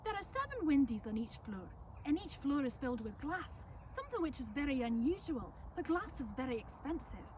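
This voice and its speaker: A woman's voice: high voice, fairly quick, hardly any pauses, a little hiss or hum. Woman acting as chatty old-time servant lass, ulster scots accent, really lilting up and down, mic a bit far off outdoors. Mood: proud, admiring. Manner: chatty, folksy, expressive. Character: chatty, welcoming servant woman of a 17th-century Irish estate. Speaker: costumed storyteller. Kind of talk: in-character historical storytelling to visitors. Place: outdoors in front of a house.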